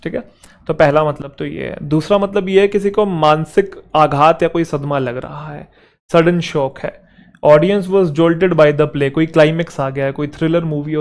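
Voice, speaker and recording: Man, exam-prep vocab teacher, slightly high voice, chatty, jokes, slow read-outs of examples. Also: a little mellow. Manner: explains in Hindi, reads English examples slowly and deliberately; chatty, jokes with students, keeps asking "theek hai?".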